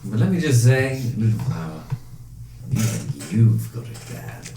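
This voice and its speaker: A woman's voice: very deep voice, big pitch swings, unhurried, exaggerated voice. A woman voicing a silky, manipulative fey patron who calls her charge darling, in an echoey room. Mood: purring. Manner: sweet, possessive, teasing. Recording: echoey room, faint noise.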